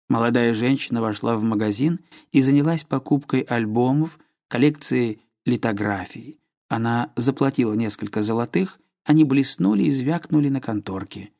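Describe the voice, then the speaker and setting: A man narrating a classic novel as an audiobook, in a measured, literary reading with dramatic pauses. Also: on the low side, a little mellow.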